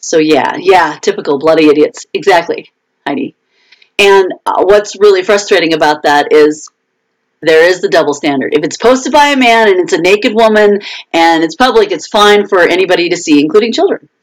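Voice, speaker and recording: A woman's voice: on the low side, normal speed, low-quality recording. A woman author chatting casually on her own live video stream, talking through frustrations with fillers and restarts.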